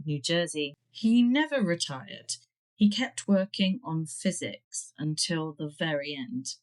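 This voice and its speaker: A woman narrating a scripted history podcast, dropping dry, wry asides between the facts. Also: fairly low pitch.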